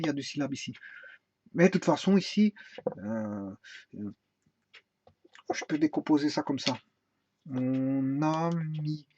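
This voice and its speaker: A man giving an informal music theory lesson, hesitant, with many fillers and restarts, now and then singing a phrase slowly. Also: mid-range voice, no echo. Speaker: music teacher. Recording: dry, dull lo-fi sound.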